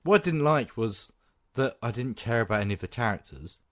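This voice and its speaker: Lively podcast host. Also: male voice, mid-range voice, fairly quick. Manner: opinionated, animated, laughs often. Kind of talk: casual film discussion.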